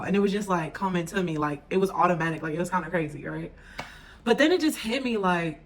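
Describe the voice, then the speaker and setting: A woman in her twenties talking to camera in a casual vlog. She is chatty and emotional, uses many fillers, and sometimes drops to a near whisper. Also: fairly low pitch. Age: 20s. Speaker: vlogger.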